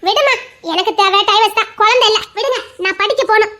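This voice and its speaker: Woman playing a soft-spoken young wife. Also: extremely high pitch, brisk. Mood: defiant. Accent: Tirunelveli Tamil. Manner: musing, soft-spoken inner monologue. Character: young separated wife, earnest student.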